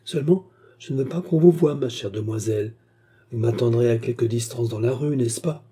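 A man's voice: medium pitch, fairly quick, mellow, natural voice. A man voicing a cheerful, stubborn young seamstress with a playful manner, in an audiobook. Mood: eager. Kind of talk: audiobook character voice.

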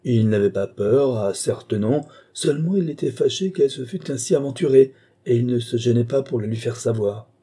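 Dark, husky male audiobook narrator. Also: mid-range voice, normal speed. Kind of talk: scripted literary narration.

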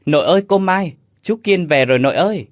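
Guy doing a little village boy, high and whiny, sniffly pleading voice in a spooky audio story. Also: animated, normal speed, no room sound, clean studio sound. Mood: excited. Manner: whimpering, pleading. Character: tearful ten-year-old village boy. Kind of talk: audio ghost story narration.

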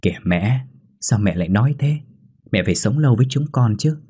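A man voicing a cheerful young husband who coaxes and flatters his mother in a ghost story. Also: lowish voice, a little fast, husky. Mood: coaxing. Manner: coaxing and flattering.

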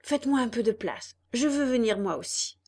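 Storybook figure: insistent, headstrong puppet boy, bright and high, as a woman narrator puts him on. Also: lively intonation, normal speed. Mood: pleading.

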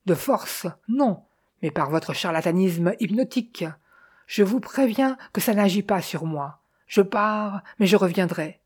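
A woman's voice: medium pitch, measured pace, husky. A woman reading an audiobook voices a proud male crime writer who speaks insolently and with cutting anger. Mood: indignant. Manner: insolent, sharp and heated.

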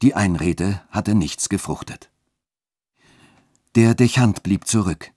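A male narrator reads a literary story for radio in a steady, formal manner. His voice sits low and the recording is dry and close. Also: slow, husky, dry recording.

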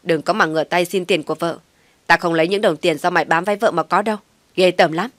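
Storybook role: contemptuous elder brother, woman reader, stern loud scolding, dry sound. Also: on the low side, fairly even intonation, quick pace, dry recording, natural voice. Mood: contemptuous anger. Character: angry older brother lecturing his sibling.

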